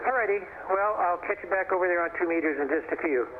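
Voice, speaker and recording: A man's voice: high-pitched, fast, over a noisy crowd. A man on amateur radio, giving a signal report and chatting casually about home projects. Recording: tinny radio with hiss.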